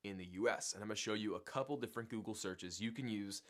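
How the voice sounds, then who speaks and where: A man's voice: on the low side, fast, fairly bright tone. A man with a sick voice, co-hosting a livestream and walking viewers through steps in an upbeat way. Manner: upbeat, explanatory. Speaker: co-host. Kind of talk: livestream tutorial.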